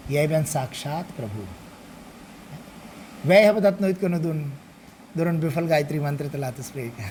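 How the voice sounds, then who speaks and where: A man's voice: on the high side, darkish tone, a little hiss or hum. A man, a swami, leading a scripture study group, explaining and often checking in with his listeners, slipping Hindi and Sanskrit phrases into his talk.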